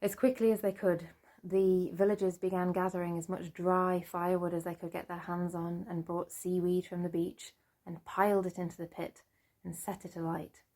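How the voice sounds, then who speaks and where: A woman storyteller telling a folk tale in a lively way, with chatty asides. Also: fairly low pitch, moderate pace.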